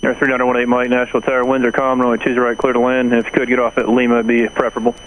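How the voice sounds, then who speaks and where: Over noisy air traffic radio, a male tower controller fires off clipped instructions very fast through the aviation transmission. His mid-range voice is completely flat in delivery.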